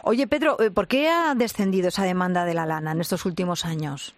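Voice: mid-range voice, fairly quick. Radio host chatting with a guest, sympathetic, lots of little fillers, faint noise behind. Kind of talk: radio interview.

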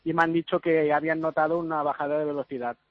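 A man gives an eyewitness account over a dull, muffled phone line, his voice pitched a little high. He talks haltingly, stopping and restarting words as he retells what he saw. The sound is dry and close. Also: level tone, no echo. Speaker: photographer interviewed by phone.

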